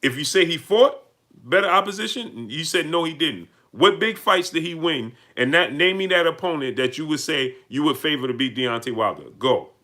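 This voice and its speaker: Speaking at a normal pace with a somewhat high, expressive voice, a New York-accented man runs a live stream, greeting viewers and answering their messages and super chats. His tone is bright and forceful. He's emphatic, hammers points through repetition, and builds to loud, heated peaks.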